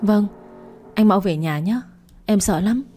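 A woman's voice: mid-range voice, unhurried, warm tone, natural voice. A woman voicing a scheming wife playing helpless. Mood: tearful pleading. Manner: whimpering, pleading. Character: scheming middle-aged wife feigning helpless distress.

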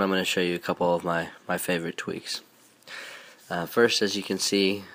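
A man's voice: deep voice, a bit bright. A man with a nasal, stuffy voice from being sick, casually hosting a phone walkthrough with frequent ums and restarts. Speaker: host.

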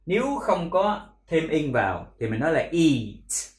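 A man with a Vietnamese accent teaching English pronunciation, repeating words slowly and explaining in Vietnamese. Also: on the high side, big pitch swings, reverberant. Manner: slow drilled repetition of English words. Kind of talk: pronunciation lesson.

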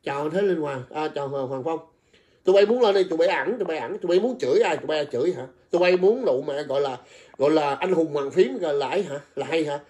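A man's voice: on the high side, fast talker, darkish tone. A man ranting on a livestream, coarse and insulting, repeating himself as he heaps scorn on his targets. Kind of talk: heated livestream rant.

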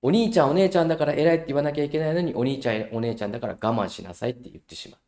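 A middle-aged man giving a lively parenting lecture, telling anecdotes and acting out children's voices. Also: medium pitch, very fast. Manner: animated storyteller who acts out children's voices.

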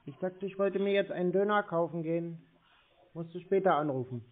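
A man with a high voice speaks fairly quickly on a narrow phone line, pranking a scam caller in a sardonic, needling way.

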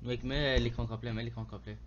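A man's voice: mid-range voice, flat delivery, fairly quick, lo-fi sound. A man chatting casually as he gives directions during a horror game, offhand and prone to swearing. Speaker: gaming companion giving directions. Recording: noisy home gaming recording.

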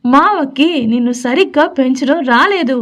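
A woman's voice: high voice, animated, moderate pace, fairly bright tone. A woman voicing a playful young husband in an audio story who teases and jokes affectionately. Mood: teasing. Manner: teasing, laughing, affectionate banter.

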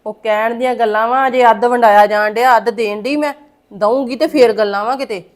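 A woman's voice: a little high, steady tone, fairly quick, natural voice. A woman with a Punjabi accent playing a blunt homeowner in a short film, firing off probing questions.

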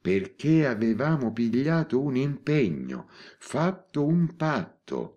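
A serene old woman in her eighties, voiced by a male audiobook reader, speaking in a raised, bright register. She stays composed and matter-of-fact, with a lively rise and fall. Her pace is unhurried and measured. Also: mid-range voice, highs cut off, voice pushed up. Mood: recounting. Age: 80s. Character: elderly spinster woman, calm and unrepentant. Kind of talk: audiobook character reading.

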